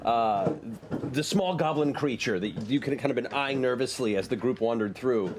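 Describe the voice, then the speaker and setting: A man acting as game master, narrating a tabletop game with halting pauses and fillers. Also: mid-range voice. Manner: halting, filler-heavy narration with lively swings. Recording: noisy table recording.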